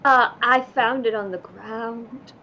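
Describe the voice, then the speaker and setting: A woman with a fairly high voice chats playfully as a player in a tabletop game. The recording is a bit dull, with faint noise. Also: fairly even intonation, slow pace, bright, forceful tone. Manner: playful, joking. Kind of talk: casual chat during game play. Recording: dull, slightly noisy room recording.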